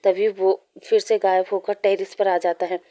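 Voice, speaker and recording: A woman narrating a fan fiction story aloud in a steady, plain reading voice. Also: medium pitch, moderate pace.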